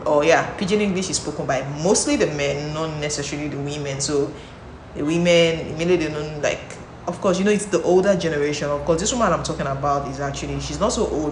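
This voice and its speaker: A young Nigerian-accented woman vlogs casually to camera in a low, slightly bright voice. She talks freely with many restarts and repeated words. The room is echoey, with faint background noise.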